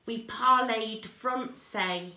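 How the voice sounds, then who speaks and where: Bright, playful British woman, slow delivery. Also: a little high. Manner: playful interjections. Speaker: co-host of a scratch card channel. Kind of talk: casual chat. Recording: roomy echo.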